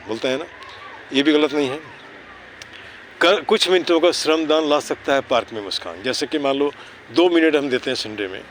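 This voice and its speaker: Medium-pitched and set against slight background noise, a man's voice leads a casual outdoor lesson for children near a city park. He's a neighbourhood cleanliness volunteer who weaves English into his Hindi, recites rhyming slogans and checks understanding with constant tag questions.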